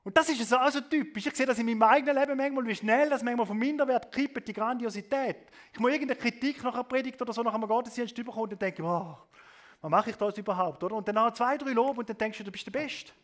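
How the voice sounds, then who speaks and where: High-voiced preacher. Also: male voice, fast. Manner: swings between loud emphasis and soft low asides; often adds a questioning "oder?" tag. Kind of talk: sermon.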